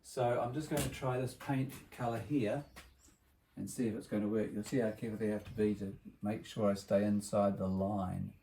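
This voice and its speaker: A man presenting a workshop vlog to children as a builder, in a bright kids' party host manner, explaining things simply and checking in with tag questions. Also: lowish voice, fairly even intonation, normal speed, a little hiss or hum.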